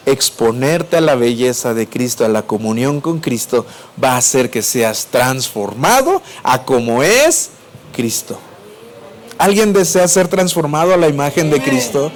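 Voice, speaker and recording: A male preacher with a Mexico City Spanish accent gives a sermon, posing questions to the congregation and then answering them himself. His medium-pitched voice is expressive and a little slow, swinging between loud and soft.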